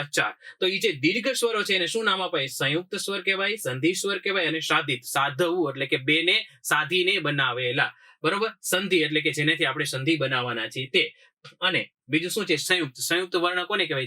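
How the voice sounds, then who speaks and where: A man teaches an exam-prep grammar lesson in a very bright, ringing voice. He sits a little high in pitch and quizzes his class again and again, answering each question himself and checking that they follow. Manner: drills with repeated questions and answers; keeps checking understanding.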